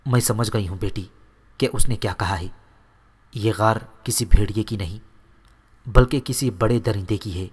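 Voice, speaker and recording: A man voicing a worried, sad mother speaking gently to her daughter. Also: fairly low pitch, pauses often, breathy edge.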